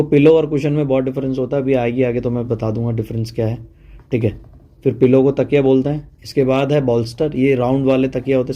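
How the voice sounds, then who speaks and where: A man's voice: medium pitch, warm tone, highs cut off. A man giving a casual online vocabulary lesson, chatty and full of fillers, checking in often with his listeners. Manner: chatty, mixes Hindi and English, says "ठीक है" often. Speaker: teacher.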